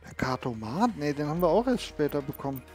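A man with a fairly high voice chats casually through a video game as its host. He comments off the cuff and repeats words while he thinks. Game music plays clearly behind him. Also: very animated, fast talker, darkish tone. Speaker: let's play host.

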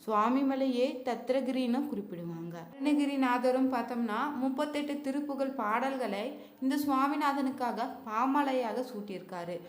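A woman's voice: high-pitched, normal speed. Woman narrating temple lore, roomy echo. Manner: casual spoken Tamil with fillers like "you could say". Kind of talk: colloquial devotional narration.

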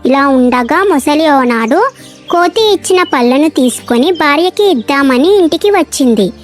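A woman narrating a children's cartoon story in a bright storytelling way. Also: high voice, expressive, normal speed, faint music behind.

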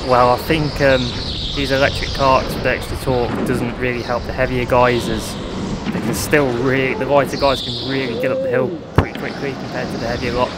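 A man commentates casually on kart racing in an informal, dialect-flavoured way. His pitch is average for a man. Loud vehicle and ambient noise runs behind him. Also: level tone, fairly quick. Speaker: karting video host. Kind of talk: casual race commentary voice-over.

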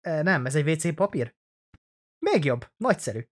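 A man's voice: on the high side, sing-song. A young man hosting a let's play, giving jokey, sarcastic, rambling commentary on a horror game.

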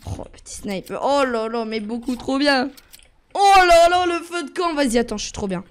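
High-voiced excitable young male gamer. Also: moderate pace, clear, resonant tone. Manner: excitable, jumps between yelps and muttering to himself. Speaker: gaming YouTuber. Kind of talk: live gameplay commentary.

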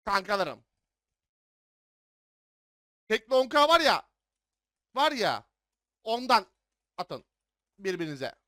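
A young man streaming a game live, yelling orders at his teammates and swearing in frustration. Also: sits high, very animated, slow, pauses often, dry recording, studio quality. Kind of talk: live gameplay commentary.

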